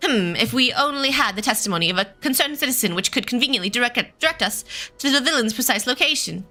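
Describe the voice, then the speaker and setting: Woman playing a bright, pompous gentleman inspector. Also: on the high side, lively intonation, fast talker, faint music behind. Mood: theatrical, confident. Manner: pompous, florid. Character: pompous, theatrical gentleman inspector, cheerfully oblivious.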